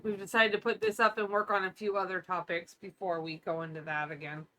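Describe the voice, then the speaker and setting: A woman's voice: medium pitch, level tone, fairly quick, bright, forceful tone, a little hiss or hum. Chatty woman in her thirties. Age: 30s. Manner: rambling, filler-heavy, trails off. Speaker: podcast co-host. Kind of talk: casual chat.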